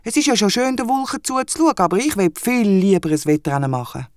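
A man with a Swiss German accent voicing an eager, cheeky male wombat in a children's audio drama, in a high, bouncy voice. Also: expressive, a little fast, dry recording, clean studio sound.

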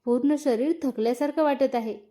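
A woman's voice: high-pitched, steady tone, fairly quick, mellow, lightly acted. A woman voicing a shy, nervous young wife who speaks timidly in a read-aloud story. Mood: soft. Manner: timid and hesitant.

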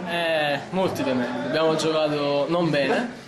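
A man's voice: fairly high pitch, moderate pace, rough recording. A man, an amateur footballer giving a casual post-match interview. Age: 20s. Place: small tiled locker room. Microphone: handheld camera at close range. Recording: loud chatter in locker room.

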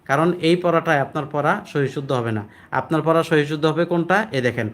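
Man teaching Quran recitation. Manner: explains rules, then chants Arabic verses slowly and higher. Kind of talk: spoken Quran lesson with chanted recitation.

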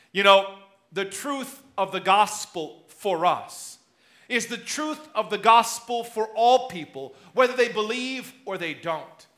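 Man, pastor, 30s, high voice, bright, sermon in a church, loud-soft swings. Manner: preaching with wide swings in loudness and gestures. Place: church sanctuary before the altar.

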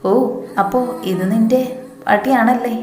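A sneering, spiteful young henchman who vows revenge, as read by a woman narrator. The delivery stays even and flat. Echo from the room and soft music sit behind him. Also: medium pitch, moderate pace, natural voice. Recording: echoey room.

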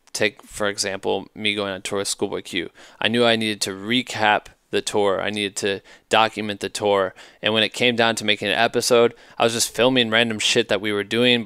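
A man's voice: fairly low pitch, bright, forceful tone, clean tone, dry recording, studio quality. Profane, emphatic man in his thirties. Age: 30s. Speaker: podcast host. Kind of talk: casual advice monologue. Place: hotel room at night, indoors. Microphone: headset mic.

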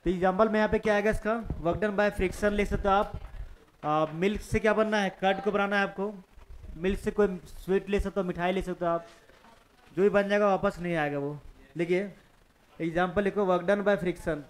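A man's voice: high voice, steady tone, fairly quick. A male physics teacher lecturing a class of students, mixing Hindi and English, dictating notes and quizzing them with questions. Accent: Hindi-English mixed, Jharkhand region.

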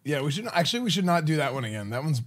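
Male streamer, thirties, expressive self-deprecating banter, very wide pitch swings. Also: very fast. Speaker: livestreamer. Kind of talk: casual livestream banter. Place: indoor room at home. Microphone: streaming mic on boom arm.

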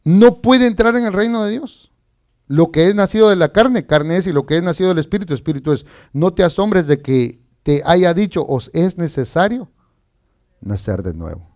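A man's voice: fairly high pitch, very animated, normal speed, darkish tone. A man preaching as pastor, reading scripture and asking the congregation questions in a chatty, conversational way. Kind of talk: sermon.

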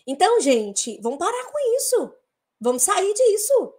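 A woman from Brazil hosting a casual live talk to her followers, blunt and emphatic, swinging between loud outbursts and quiet asides. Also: very high voice, very animated, unhurried. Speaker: host of a live business talk.

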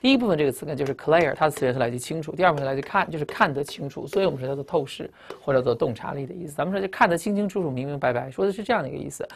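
A woman's voice: low-pitched, racing, creaky, hardly any pauses, slight background noise. A woman teaching English vocabulary, spelling out words letter by letter and often asking students whether they remember earlier words. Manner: ends phrases with the particle "啊". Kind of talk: recorded vocabulary lecture.

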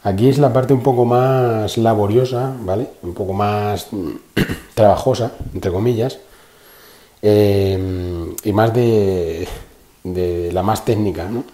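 Filming one-handed on his phone in an echoey indoor garage, a male car channel host casually explains how to do something. He talks slowly in a mellow, low voice with fairly even intonation, chatting away, repeating points and leaning on frequent fillers.

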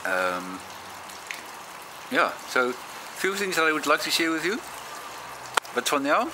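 A man's voice: on the high side, sing-song, slow pace. A man in a casual review video, speaking with a pipe in his mouth, rambling and hesitant with many fillers. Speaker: pipe tobacco reviewer, pastor. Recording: noisy background.

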